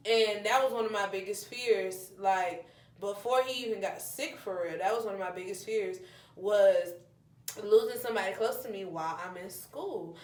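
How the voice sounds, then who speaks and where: A young woman in her twenties, a vlogger telling a personal story in casual chat, animated and acting out what people said. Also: medium pitch, normal speed, reverberant. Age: 20s. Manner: animated, addresses viewers as y'all, acts out quotes.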